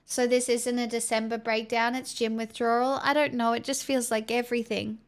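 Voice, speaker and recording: Speaking at a normal speed in a slightly high, flat voice, a young Australian woman chats casually on a live stream. She rambles frankly to her viewers and admits her voice feels strained.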